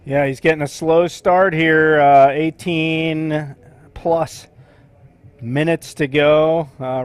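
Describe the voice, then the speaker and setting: A man giving relaxed, chatty live commentary on a surf contest, using surf slang. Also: a little high, no room sound.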